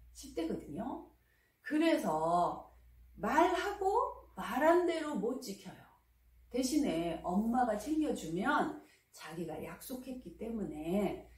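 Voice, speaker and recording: A middle-aged woman coaching parents on talking with their children, speaking gently and acting out little dialogues between mother and child. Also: a little high. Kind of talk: parenting advice lecture. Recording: echoey room, mic at a distance.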